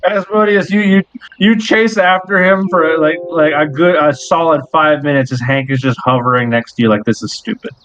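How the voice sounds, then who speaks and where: A man's voice: a little high, normal speed, fairly bright tone. A man narrating a tabletop game as game master, laid-back and joking, swearing often. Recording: dull, dry recording.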